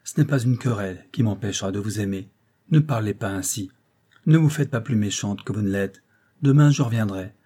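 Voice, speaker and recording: A man playing a calm, commanding suitor. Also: fairly low pitch, fairly quick, lightly acted. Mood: earnest. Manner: earnest, authoritative.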